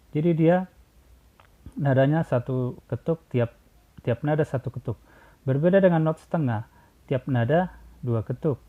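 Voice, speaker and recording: A man teaching a choir how to read number notation, explaining patiently, repeating himself and counting beats aloud. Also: mid-range voice. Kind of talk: spoken music lesson, sung examples. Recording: tinny phone-like sound.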